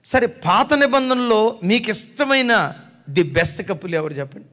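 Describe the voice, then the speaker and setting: A male pastor with a high voice preaches to his congregation and calls out for answers and amens. His sermon rings with a long reverb from a large church hall. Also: animated, moderate pace, a bit bright. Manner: preaching with call-and-response to the congregation.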